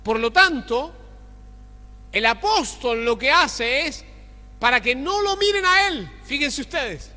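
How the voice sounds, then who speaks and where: Male pastor mid-sermon, high and bright voice, reverberant church hall, asks the flock questions. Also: animated, slow pace. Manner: swings between loud exclaiming and low murmured asides, asks the congregation often. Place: church sanctuary.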